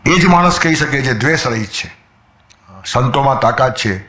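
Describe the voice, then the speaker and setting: A man delivers a spiritual discourse in a storytelling manner. He quotes old verses and sometimes acts out the voices of people in his anecdotes. His voice sits at a middle pitch and carries a roomy echo. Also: expressive, moderate pace, sharp tone. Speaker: spiritual speaker.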